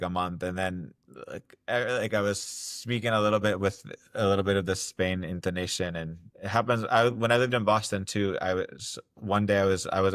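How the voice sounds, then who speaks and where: A young man from Ohio, in the United States, appears as a podcast guest in casual interview talk, rambling with lots of fillers and restarts. His voice sits low and a bit bright. The recording is studio quality with no echo.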